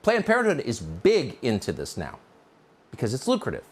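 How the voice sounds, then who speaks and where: Man hosting, wildly swinging pitch. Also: huge pitch swings, normal speed, breathy edge. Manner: sardonic, mocking, swings pitch widely. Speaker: news show host. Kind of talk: opinion monologue.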